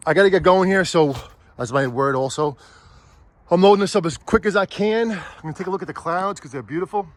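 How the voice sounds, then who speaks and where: Shot on a phone in and around a truck, this casual vlog features a middle-aged man rambling with lots of restarts and fillers while he loads and drives. His voice is on the high side, with slight hiss or hum.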